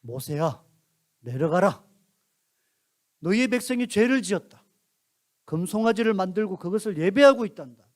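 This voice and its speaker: A man's voice: lively intonation, normal speed, long pauses. A man doing a stern, commanding God. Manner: low, commanding. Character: stern, angry God speaking from the mountain.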